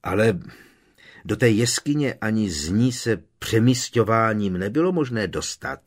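A man's voice: fairly low pitch, animated. A man voicing an earnest young wizard who keeps pressing with questions. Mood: probing.

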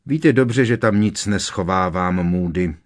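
A man's voice: sits low, natural voice. A man voicing a cold, sneering middle-aged potions master who speaks in a clipped, hissing way, in an audiobook reading. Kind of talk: audiobook character voice.

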